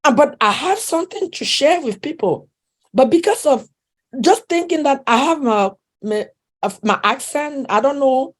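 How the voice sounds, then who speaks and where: This woman's voice is high-pitched and animated, moving at a moderate pace. She's a relationship coach with a non-native English accent, talking earnestly in an interview, frequently starting sentences over and laughing softly.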